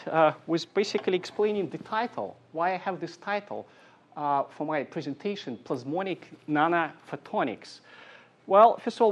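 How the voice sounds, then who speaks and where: Man giving a halting lecture. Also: a little high. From Siberia, Russia. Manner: halting, thoughtful phrasing with dry humor. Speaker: engineering lecturer. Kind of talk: academic lecture.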